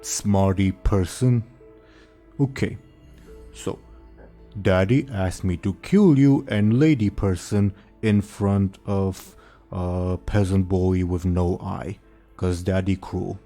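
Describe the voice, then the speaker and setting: A man voicing a big, dim, childlike ogre for a tabletop game, in dopey, halting broken speech. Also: deep voice, dark tone, soft background music. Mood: earnest, pleading. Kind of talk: in-character tabletop role-play.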